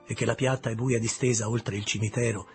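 A man narrating an audiobook in a measured, deliberate reading style, with a husky voice. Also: mid-range voice, steady tone, soft background music. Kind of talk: scripted literary narration.

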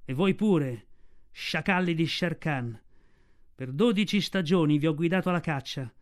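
A man voicing an old, weary male wolf leader, speaking slowly and solemnly in a storybook reading. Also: fairly high pitch, lightly acted. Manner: slow, solemn and measured.

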